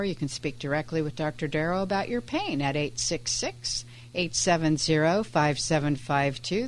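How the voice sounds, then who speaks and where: A woman co-hosting a radio show, upbeat, reading out phone numbers and web addresses slowly and clearly. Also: deep voice, a little hiss or hum. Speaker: radio co-host. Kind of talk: radio program reads and chat. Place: radio studio.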